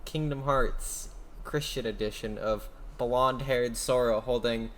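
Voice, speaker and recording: A man's voice: medium pitch, fairly even intonation, unhurried, a bit bright, a little hiss or hum. A man co-hosting a casual podcast, playful and jokey, chiming in with quips. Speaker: podcast co-host. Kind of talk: casual chat.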